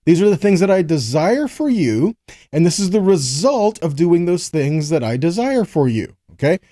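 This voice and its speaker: A mellow American preacher with a fairly high, sing-song voice teaches a scripture lesson at normal speed, mixing scripture readings into a conversational sermon. He poses rhetorical questions and checks in with listeners often, and the recording is dry and studio-clean.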